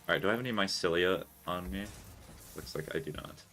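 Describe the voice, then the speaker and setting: A man's voice: low-pitched, fast, creaky, fairly bright tone. A young man chatting casually and musing aloud while he streams a game, given to mock-dramatic remarks. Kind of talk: casual gameplay chat.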